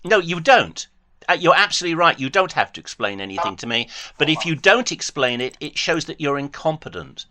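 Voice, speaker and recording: A man with a slightly high, sharp voice hosts a heated debate with a caller, speaking briskly with big pitch swings. He's pressing and argumentative, quoting references at the caller.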